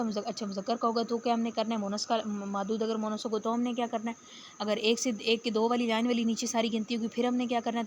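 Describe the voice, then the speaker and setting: A woman teacher giving a spoken lesson, patient, explaining step by step and repeating words slowly. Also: medium pitch, slight background noise. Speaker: Arabic teacher. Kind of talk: spoken lecture.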